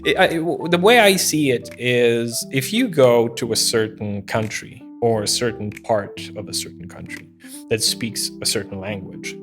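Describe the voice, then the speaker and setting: Man, halting restarts. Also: mid-range voice, fairly bright tone, soft background music. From Poland. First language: Polish. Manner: hesitant, many restarts and fillers. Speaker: podcast guest. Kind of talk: casual interview chat.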